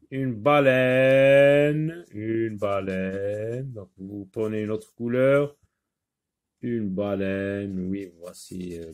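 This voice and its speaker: A man's voice: low-pitched, gravelly, warm tone. A man teaching a recorded French reading lesson, patiently repeating each word aloud for pupils.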